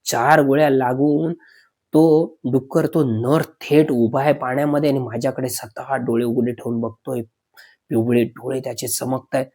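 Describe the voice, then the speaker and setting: A man narrating a spoken horror story, dramatic, calling his listeners friends, with pauses and fillers as he slows for suspense. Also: mid-range voice, fairly even intonation, darkish tone.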